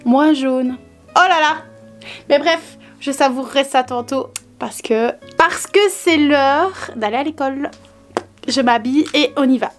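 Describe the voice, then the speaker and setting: A young woman vlogging casually from her bedroom, chatty and excitable, with a sore, dry throat. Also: sits high, a little slow, faint music behind. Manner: chatty, easily excited, exclaims and grumbles. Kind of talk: casual vlog chat. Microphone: camera mic.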